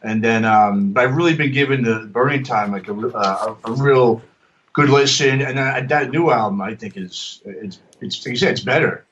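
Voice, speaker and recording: A man's voice: mid-range voice, normal speed, fairly bright tone, muffled recording, a little hiss or hum. A man co-hosting a podcast in casual chat, rambling and filling his talk with um and you know. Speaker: podcast co-host and producer.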